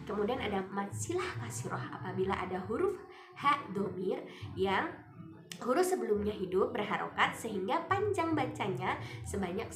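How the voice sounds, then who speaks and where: A woman, a student, explaining recitation rules step by step and drawing out the example words slowly. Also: medium pitch. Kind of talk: recited tajwid lesson with Quran examples. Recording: echoey room, faint music behind.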